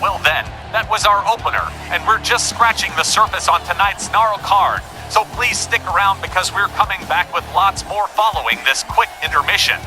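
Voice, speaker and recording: A man's voice: sits high, expressive, moderate pace, hardly any pauses, music in the background. A man acting as lead commentator and host of a wrestling show.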